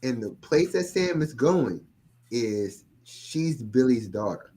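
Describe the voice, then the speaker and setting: Man, casual podcast chat, animated delivery, lively swooping pitch, mid-range voice, salty language. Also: slow. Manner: animated, swearing, acts out quotes.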